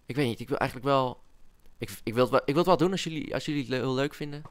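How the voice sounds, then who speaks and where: Young male gamer, mid-pitched, chatty and excitable, coaxing whispers. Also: racing. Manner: excitable, chatty, whispers and coaxes to game animals. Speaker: gaming YouTuber. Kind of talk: casual Let's Play commentary.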